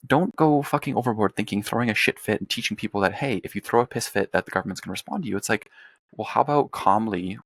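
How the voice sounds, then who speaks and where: Fast-talking gravelly young man. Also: on the low side, fairly bright tone, dry recording. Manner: blunt, profane, rapid rambling with restarts. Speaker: podcast guest, former congressional staffer. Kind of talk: casual political chat.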